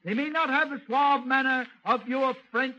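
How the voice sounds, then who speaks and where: Blustering high-voiced man on old radio. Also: steady tone, moderate pace, sharp tone. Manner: blustering, grumbling asides. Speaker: comedy radio columnist. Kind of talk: 1930s radio comedy. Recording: old lo-fi radio recording with hiss.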